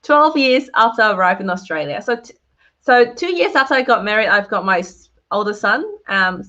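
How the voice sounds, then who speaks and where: A cheerful woman in her thirties from Hong Kong presents her slides on a video call, laughing often and greeting viewers in the chat. Her voice sits at a middle pitch. The call audio sounds a little dull and muffled. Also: expressive, normal speed, bright, forceful tone. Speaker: guest speaker.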